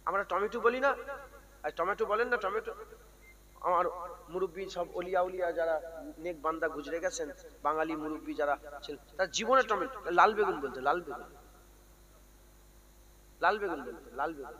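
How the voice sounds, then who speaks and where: A man preaching a sermon, who climbs from calm talk into loud, sung chanting. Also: a little high, brisk, crowd noise, poor audio.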